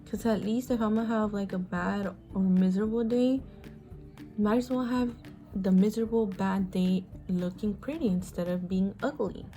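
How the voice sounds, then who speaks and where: Over soft background music on a low-quality recording, a woman in her twenties chats while putting on makeup. Born in Mexico and raised in the US, this beauty vlogger speaks frankly in a warm, steady, medium-pitched voice at normal speed, swearing freely and sighing often during her get-ready-with-me chat.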